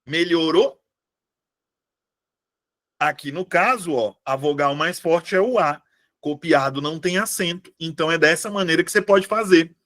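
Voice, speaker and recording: Pausing often, this male teacher from Brazil speaks at a moderate pace in a fairly bright voice on the high side. He runs a casual live online Portuguese class for civil service exam prep, chatting and checking in with his students all the time.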